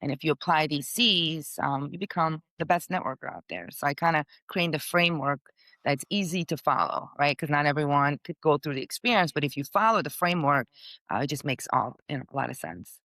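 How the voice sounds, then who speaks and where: A woman's voice: low-pitched, expressive, brisk, a bit bright, no room sound. A middle-aged woman from Portugal, chatting upbeat as a guest on a podcast, with many fillers. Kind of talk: casual interview talk.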